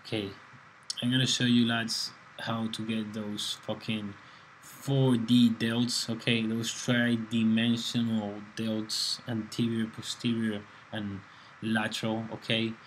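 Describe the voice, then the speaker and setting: A man's voice: lowish voice, flat delivery, takes it slowly, a little hiss or hum, low-quality recording. A man from Spain, a fitness coach giving a casual, joking workout voice-over with plenty of swearing. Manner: laid-back, swearing, joking banter. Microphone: voice-over, close mic.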